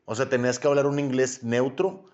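A man's voice: medium pitch, fairly even intonation, a little fast, a little mellow, muffled recording. Easygoing man, mid voice. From Chihuahua, Mexico. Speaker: call center trainer. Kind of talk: casual slangy chat.

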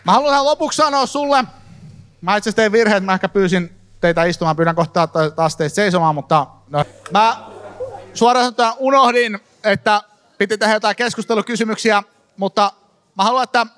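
A man giving a lively sermon to a congregation in a church hall, talking to them directly. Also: sits high, clear, resonant tone. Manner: lively, fillers and restarts, addresses congregation directly. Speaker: preacher. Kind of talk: live sermon teaching.

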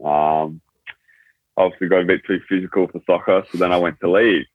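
A man's voice: low voice, fairly even intonation, fairly quick, no room sound. Young Australian man on a tinny line. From born in Thailand, raised in rural New South Wales, Australia. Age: 20s. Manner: laid-back, rambling, slangy storytelling. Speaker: rugby player, guest. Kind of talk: casual interview chat. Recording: tinny phone-like line, dry.

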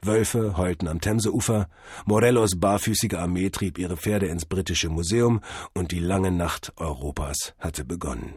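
Male storyteller, husky voice, animated reading, dry close mic. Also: low-pitched, measured pace, no room sound. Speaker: narrator. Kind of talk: audiobook reading.

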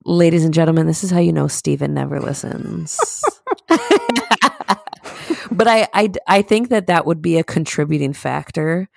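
A young woman co-hosts a casual podcast, telling stories in a loose, rambling, profane way. Her voice has a gravelly fry running through it. The sound is close and dry, with no room around it. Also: sits low, moderate pace, a little mellow, no echo. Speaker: podcast co-host. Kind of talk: casual chat.

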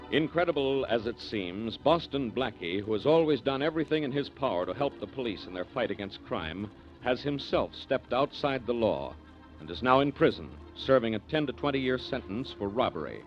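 A man announcing and recapping the story in a measured, formal old-time radio drama delivery, heard on a dull old broadcast recording with faint music behind. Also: mid-range voice, expressive.

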